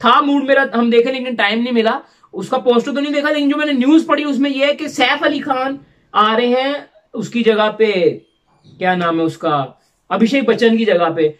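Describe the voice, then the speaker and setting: A man's voice: very high-pitched, moderate pace, fairly bright tone. A man from Pakistan hosting a reaction channel, chatting casually and rambling as he drops English phrases into his talk. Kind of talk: casual chat reacting to a film trailer.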